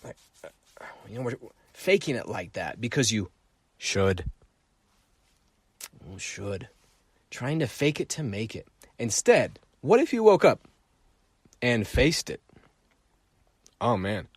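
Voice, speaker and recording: A middle-aged man hosts a solo podcast, telling his stories in an animated way. His pitch sits in an ordinary middle range, and he repeats phrases for effect. The recording is close and dry, with no room sound. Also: takes it slowly, long pauses, breathy edge, dry recording. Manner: animated storytelling, acts out voices, repeats phrases. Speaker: podcast host.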